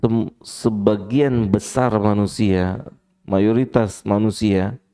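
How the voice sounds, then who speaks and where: This preacher speaks slowly in a fairly low, mellow voice with fairly even intonation. Delivering a study-circle sermon in a mosque hall, he talks conversationally and keeps asking the men present questions.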